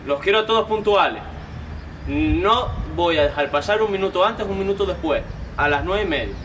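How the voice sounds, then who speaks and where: A man's voice: sits high, lively intonation, moderate pace, fairly bright tone, a little hiss or hum, low-quality recording. A young man playing a bossy but encouraging drill sergeant in a short film, barking short commands, with music underneath. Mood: stern, instructing. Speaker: squad trainer. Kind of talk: acted short-film dialogue.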